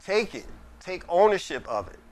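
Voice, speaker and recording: A man's voice: high-pitched, big pitch swings, normal speed, darkish tone. A middle-aged man answering an audience question in a mosque hall, earnest and advising, often repeating phrases for emphasis. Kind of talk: community Q&A talk.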